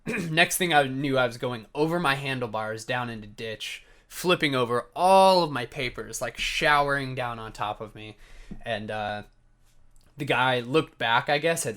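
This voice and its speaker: This young man's slightly scratchy voice is medium in pitch, with a bright, forceful tone. He vlogs casually in a storytelling way, answering viewer questions to camera.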